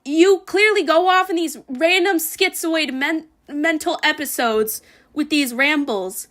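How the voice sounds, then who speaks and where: A woman's voice: high-pitched, measured pace, fairly bright tone. A woman streamer giving blunt, profane reaction commentary, ranting and mocking with sarcastic mimicry.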